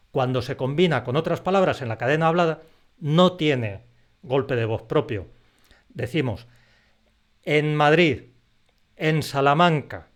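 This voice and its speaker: A man walks through a language lesson in a patient teacherly way, slowing down to spell out example words. His voice sits somewhat high for a man. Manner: clear teacherly explanation, slows down to stress example words. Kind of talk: explanatory online lesson.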